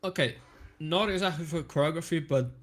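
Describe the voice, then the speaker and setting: A man's voice: a little high, brisk, fairly bright tone. A young man who is a guest on a casual chat, talking bluntly in slangy, opinionated bursts. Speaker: guest animator.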